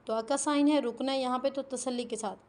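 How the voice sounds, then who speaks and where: A woman teaching a tajweed lesson, reciting verses slowly and explaining pronunciation mistakes quickly. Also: high voice, steady tone, darkish tone. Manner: slow drawn-out recitation alternating with quick corrective explanation.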